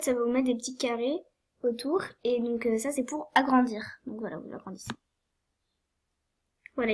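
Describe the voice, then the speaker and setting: High-voiced young woman with a cold. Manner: hesitant, many fillers and apologies, giggly. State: sniffly with a cold. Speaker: tutorial maker. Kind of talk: screen-recorded game tutorial.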